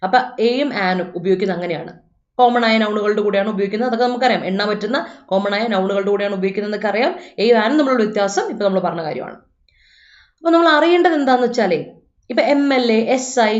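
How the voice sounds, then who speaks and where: A woman teaching an exam coaching lesson, asking questions and answering them herself, reading English examples out slowly. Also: mid-range voice, echoey room, dull audio.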